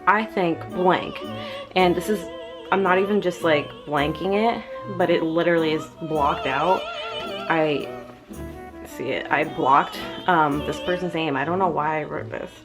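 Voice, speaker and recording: A woman's voice: sits low, moderate pace, over music. A young woman chatting casually and reading aloud in an embarrassed, self-mocking way, recorded indoors in a small room. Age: young adult. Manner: casual, sweary. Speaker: vlogger. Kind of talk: casual chat and reading aloud from own diary.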